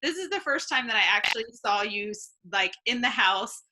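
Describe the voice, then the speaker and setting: A woman's voice: on the high side, lively intonation, moderate pace, noisy background. A woman hosting a casual live interview, chatty and friendly, laughing often. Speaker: host.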